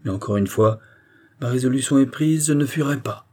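A man voicing a calm, dignified royalist marquis who speaks with serene, solemn firmness in an audiobook reading. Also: mid-range voice, normal speed, voice pushed up, natural voice. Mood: solemn resolve. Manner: serene, solemn, firm declamation.

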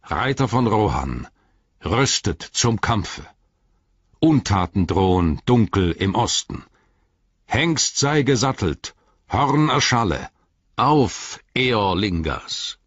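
A man reads an aged, tired king in a low, husky voice, slow and heavy. The king mourns the young who have fallen, then wakes to stern command. The audiobook sound is dull and lo-fi. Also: animated, dry recording, heavily acted. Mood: rallying. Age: older. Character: weary old king, roused to command.

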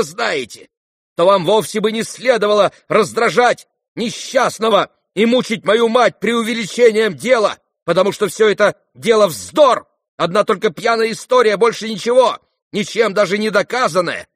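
A bitter young man shrieks his reproaches in a high, strained voice, as a man acts him out. The sound is dry and close. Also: huge pitch swings, very slow, a little mellow, slightly rough, no echo, exaggerated voice. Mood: shrill. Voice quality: shrill, choking with anger.

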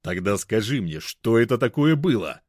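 A man's voice: fairly low pitch, big pitch swings, moderate pace, darkish tone, dry recording, clean studio sound. A man voicing a jealous young man who accuses his girlfriend sarcastically. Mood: sarcastic.

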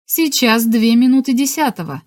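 A woman voicing a sharp, sarcastic female lab official in an audiobook, her tone scolding and caustic. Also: on the high side, animated, moderate pace, pitched above the performer's own voice, lightly acted. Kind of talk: audiobook character voice.

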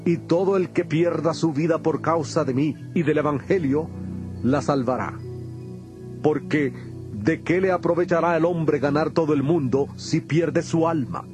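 A man's voice: a little high, measured pace, natural voice. A man playing Jesus as an authoritative, emphatic teacher in a solemn dramatized audio Bible. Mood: solemn, exhorting. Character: Jesus, authoritative adult male teacher rebuking and instructing. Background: prominent music.

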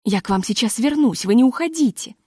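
A woman voicing a gracious, hurried society hostess who speaks quietly and politely, read as an audiobook. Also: on the high side, animated, breathy edge, dry recording, studio quality.

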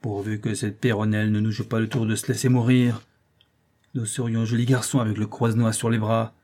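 A man voicing a scheming middle-aged male placement agent who bursts out in forceful indignation. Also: lowish voice, little pitch movement, a little fast, natural voice. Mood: furious.

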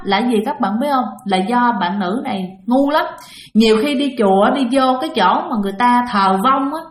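A woman narrating a ghost story in a chatty way, often speaking straight to her listeners. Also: fairly high pitch. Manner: chatty, addresses listeners directly. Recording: roomy echo.

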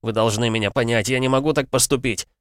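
A man voicing a terrified middle-aged policeman who sobs and begs in a high, strained voice. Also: flat delivery, fast, smooth, dry recording, studio quality, close to an everyday voice. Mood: pleading. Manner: sobbing, begging, high and strained.

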